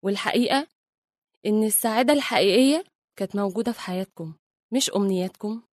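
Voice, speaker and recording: A woman's voice: medium pitch, fast, dry recording, clean studio sound, lightly acted. A woman playing a mysterious female figure who embodies worldly life and lectures the others in an Egyptian accent. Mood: lecturing. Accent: Egyptian Arabic. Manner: solemn, lecturing.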